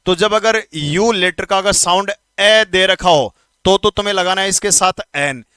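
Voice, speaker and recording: A man teaching English grammar in an exam-prep lesson, speaking informally to students and repeating words slowly to drill pronunciation. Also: high-pitched, pushed and bright, smooth, no room sound. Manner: addresses students informally, asks quick questions.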